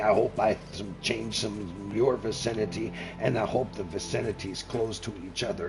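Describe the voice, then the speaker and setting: This gaming streamer is a middle-aged man whose medium-pitched voice has a darkish tone. He offers casual play-by-play as he goes, friendly to the point of gushing, folksy, rambling, and prone to saying things twice.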